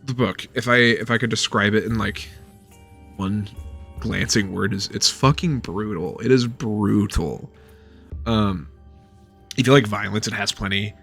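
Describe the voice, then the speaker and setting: A man's voice: on the low side, a little slow, gravelly, long pauses, a bit bright, soft background music. A man in his thirties giving a loose, rambling book review at home, swearing freely.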